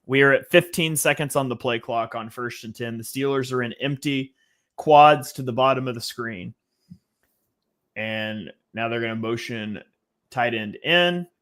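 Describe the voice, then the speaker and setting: A man with a bright, forward voice hosts a live game-watching stream. He reads out viewer comments and breaks down each play in relaxed commentary. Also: medium pitch, measured pace. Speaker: live watch-party host.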